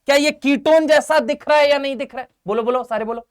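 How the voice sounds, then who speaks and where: A man's voice: extremely high pitch, quick pace, dry recording, clean studio sound. A man teaching chemistry in an online exam-prep class, firing questions at his students and coaxing them to answer back. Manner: energetic call-and-response questioning; coaxing, calls students "beta" and "bhai".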